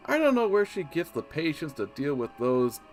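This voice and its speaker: A man's voice: on the high side, very animated, normal speed, soft background music, pitched above the performer's own voice. A man voicing a snide male monster who looks down on human children, with a haughty, disdainful delivery. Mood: sneering.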